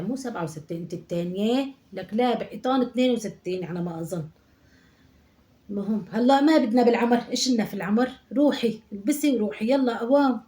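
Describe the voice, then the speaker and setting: A woman's voice: medium pitch, warm tone, natural voice. A woman voicing a chatty, nagging older mother in her sixties from Aleppo, with an Aleppo Syrian Arabic accent, scolding and muttering prayers. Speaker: sketch performer. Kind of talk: comic monologue sketch.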